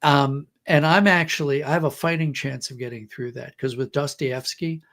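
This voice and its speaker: This podcast guest is a writer, a middle-aged or older man whose mid-range voice has a fairly bright tone, fairly even intonation and a moderate pace. His talk is conversational storytelling about books, with quotes acted out to make his points.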